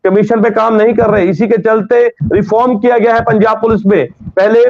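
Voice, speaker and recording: High-voiced male news anchor. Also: fairly even intonation, creaky, dull audio. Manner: brisk, firm, repeats "ठीक है" to steer. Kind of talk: moderating a TV news debate.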